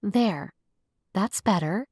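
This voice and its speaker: A woman's voice: mid-range voice, expressive, takes it slowly, husky, dry recording, clean studio sound. A woman reading an audiobook voices a playful, persistent young woman who coaxes and wheedles. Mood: coaxing. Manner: wheedling, bright and coaxing. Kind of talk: audiobook character voice.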